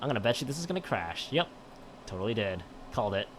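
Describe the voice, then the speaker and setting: Reading a visual novel aloud while chatting on a livestream, this man talks fast in a lowish, fairly bright voice that is very animated. He keeps tripping over the text, restarting and repeating words, and leans into dramatic emphasis. A little hiss or hum sits under the recording.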